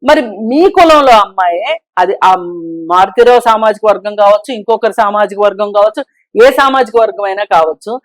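A woman speaks as a talk-show guest, pressing her argument and firing off rhetorical questions. Her voice sits at an average pitch. It is recorded dry and close, with almost no room sound. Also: brisk, dry recording. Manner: emphatic, argues with rhetorical questions. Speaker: social commentator guest. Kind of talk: opinionated talk-show discussion.

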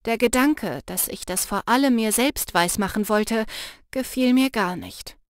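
A woman narrating a first-person fantasy audiobook with lively, expressive storytelling. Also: fairly high pitch, a little slow, dry recording, clean studio sound.

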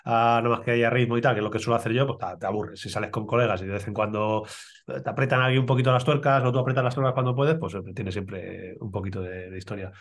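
A man's voice: medium pitch, steady tone, fast. A man with a Spain Spanish accent hosting a cycling podcast in casual chat, laughing often and swearing freely. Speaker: podcast host.

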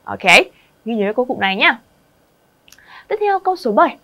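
A woman's voice: a little high, sing-song, moderate pace, lo-fi sound. A woman from Vietnam teaching an online English exam review, who asks the class questions and repeats each word for her students.

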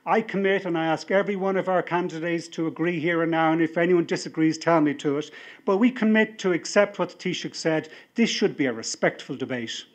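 A middle-aged Irish man, slightly high-voiced, delivers a convention speech into a podium microphone. He builds toward emphatic, rousing appeals. The hall is large and full. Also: a little fast. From Ireland. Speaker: party leader. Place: large hall with a seated audience, indoors.

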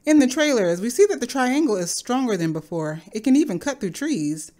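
A woman's voice: fairly high pitch, sing-song, brisk, mellow, soft background music. Woman narrating a scripted theory explainer. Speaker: video creator narrating a game theory.

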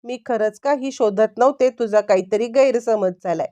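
A woman's voice: on the high side, moderate pace, mellow, lightly acted. A woman voicing a young wife who is accused and answers with evasive pleading, in a storybook recap.

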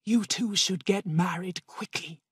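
A woman's voice: fairly low pitch, unhurried, breathy edge, no echo, studio quality. A woman doing a spiteful old lady in a storybook. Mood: bitter.

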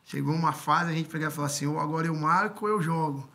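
A man in his fifties from Brazil, a former footballer and coach, telling stories in a relaxed way as a podcast guest on a studio mic. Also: on the high side, very fast, creaky. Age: 50s. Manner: relaxed storytelling with many tag questions. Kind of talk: casual interview. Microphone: studio mic on stand.

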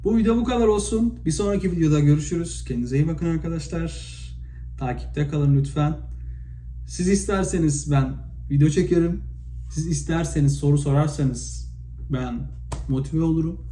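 A man from Turkey vlogging in a casual, spontaneous monologue, retelling stories with lots of fillers and animated bursts. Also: fairly high pitch, moderate pace. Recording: echoey room, faint background noise.

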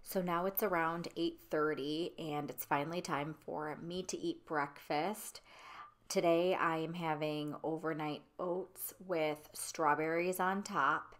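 A young woman narrating her family morning routine as a voice-over, in a chatty, relatable mom tone. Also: deep voice. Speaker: stay-at-home mom vlogger.

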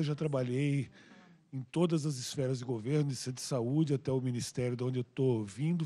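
Man, public health doctor, mellow tone, upbeat brief intro. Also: a little high. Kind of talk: introducing himself at a meeting.

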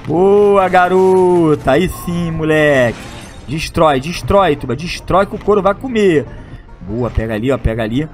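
A young man from Brazil with a high-pitched voice. He commentates his game play in a loud, slangy, excitable way, breaking into shouts at big moments. Faint game music plays under his voice. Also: moderate pace. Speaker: gaming YouTuber.

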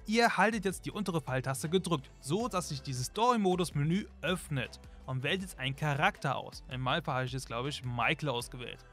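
A man's voice: a little high, fairly bright tone. A young man narrating a game tutorial in a chatty way, constantly addressing his viewers. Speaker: gaming YouTuber. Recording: faint music behind.

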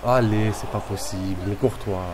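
Calling out to the players and the ref, a man excitedly and casually narrates his own football video game match despite having a cold. He speaks at a moderate pace in a lowish voice, with a crowd audible in the background.

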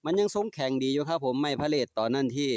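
Rapid-fire and fairly high, this man's voice has lively intonation and a slightly mellow quality, with slight background noise. Speaking with an Isan accent from Northeastern Thailand, the DIY vlogger chats politely and easily as he works in his yard, sprinkling in polite particles and addressing his dogs.

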